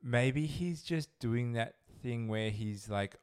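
Smooth-voiced man musing thoughtfully. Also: mid-range voice, slow, a little mellow. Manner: thoughtful, searching for words, many "like" fillers. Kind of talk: casual chat, reflective analysis.

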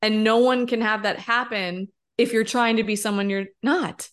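A woman in her thirties co-hosting a podcast, talking in an emphatic, expressive, candid way and often tossing in a rhetorical "right?". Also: on the high side, normal speed. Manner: candid, occasionally swearing. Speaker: podcast co-host. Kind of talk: casual podcast conversation.

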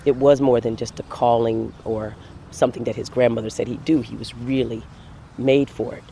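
A man telling the story of his late father in a measured, soft-spoken, reflective narration. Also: mid-range voice, fairly even intonation, gravelly, slight background noise.

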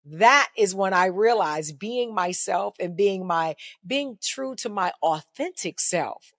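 A middle-aged woman with a deep, bass-heavy voice, a guest telling her story emphatically in an interview. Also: animated, takes it slowly, fairly bright tone, dry recording, studio quality. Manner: emphatic, preacher-like delivery with repetition.

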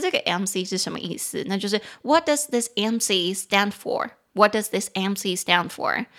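A woman's voice: medium pitch, fairly bright tone. Field: playful woman teaching English. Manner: playful and chatty, spells words out and repeats them slowly. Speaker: English teacher and podcast host. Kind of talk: casual podcast English lesson.

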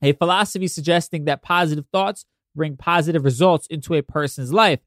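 A man's voice: fairly high pitch, brisk, a bit bright, dry recording, studio quality. A man with a nasal, congested voice hosts a podcast, talking casually with swearing and conversational asides. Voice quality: nasal, stuffed-up. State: congested from allergies. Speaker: podcast host.

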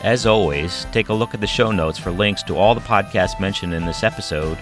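A man's voice: low voice, fairly quick, over music. A middle-aged man hosting a podcast, reading scripted narration with a wry, self-deprecating manner. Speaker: podcast host.

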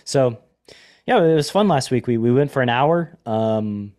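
Man, podcast host, mid-pitched, casual chat, rambling, self-deprecating. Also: lively intonation, unhurried, dark tone. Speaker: podcast host, poker coach.

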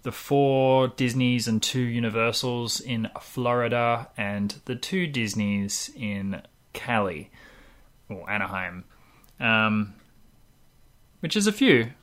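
A podcast host with an Australian accent speaks in a medium-pitched voice. The style is casual co-hosted chat with a playful, jokey manner. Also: takes it slowly, a bit bright.

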